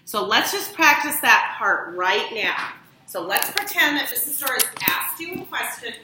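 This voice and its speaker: A woman's voice: a little high, sing-song, unhurried, noisy background. A woman teacher giving patient classroom instructions, prompting her pupils with questions. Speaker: elementary school teacher. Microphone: distant room mic. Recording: echoey classroom from far off.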